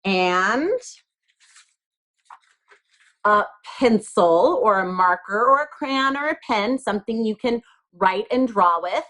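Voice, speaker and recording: A female primary teacher demonstrates a children's craft at an unhurried pace. Her pitch is expressive, and she explains each step patiently in simple words.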